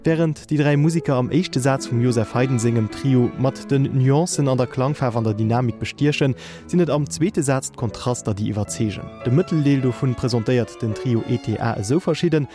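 Man reading a radio music review. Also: medium pitch. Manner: measured, read from a script. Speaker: music critic. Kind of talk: scripted radio album review.

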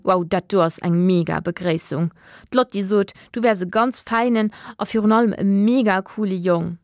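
A woman's voice: mid-range voice, moderate pace, dry recording, clean studio sound, natural voice. A woman voicing a playful, teasing male furry creature with a long tail and paws, in a children's radio story. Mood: cheerful.

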